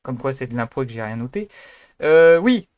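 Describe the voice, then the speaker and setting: A man's voice: medium pitch, big pitch swings, brisk, darkish tone, clean tone, no echo, muffled recording. A man hosting his own video channel, giving a casual, improvised introduction. He rambles, apologizes for himself and hesitates often. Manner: rambling and self-deprecating, many hesitations. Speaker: YouTube host.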